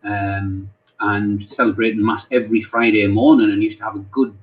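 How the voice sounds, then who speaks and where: A man's voice: on the low side, little pitch movement. Man on a tinny call. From North East England. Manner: halting, repeats words often. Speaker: football club chaplain. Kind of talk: casual interview answers. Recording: tinny phone-like call audio.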